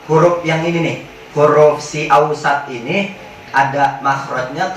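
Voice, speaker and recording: A man teaching Quran recitation rules in casual slang, joking with his class and chanting drawn-out examples. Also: a little high, fairly bright tone, slight background noise. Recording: very echoey hall, mic at a distance.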